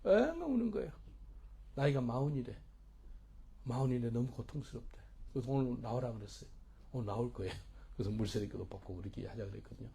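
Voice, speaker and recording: A middle-aged male pastor preaching a sermon, moving from soft, close asides to loud, fervent exhortation. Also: medium pitch, little pitch movement, quick pace, creaky, husky.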